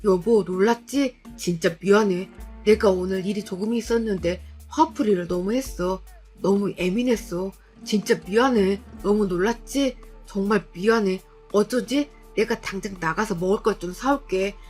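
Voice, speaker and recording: A woman voicing an unsettling husband who pleads and apologizes slowly. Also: medium pitch, darkish tone, slightly rough, faint music behind, close to an everyday voice. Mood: pleading.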